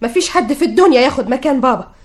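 An actress with an Egyptian accent playing a grieving young daughter in an old radio drama, pleading and defiant. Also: female voice, sits high, lively intonation, racing. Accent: Egyptian Arabic.

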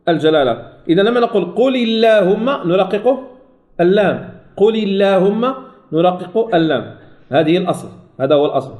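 A man teaching recitation rules, repeating each point and slowly demonstrating the sounds. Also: sits high, a little mellow, echoey room. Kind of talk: tajweed lesson.

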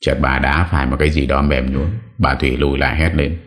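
Fields: deep-voiced male story narrator. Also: fairly even intonation, quick pace. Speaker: audiobook narrator. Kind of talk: scripted horror story narration.

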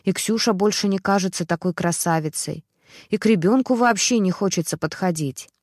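A woman's voice: medium pitch, moderate pace, dry recording, studio quality, lightly acted. A woman doing a worn-out young father. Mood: brooding. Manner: tired, flat, curt.

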